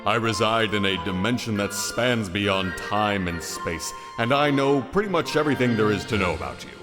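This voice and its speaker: A man voicing an eager, gushing giant hand who hosts grandly and theatrically in an animated comedy. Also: fairly low pitch, moderate pace, natural voice. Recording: background music, long reverb.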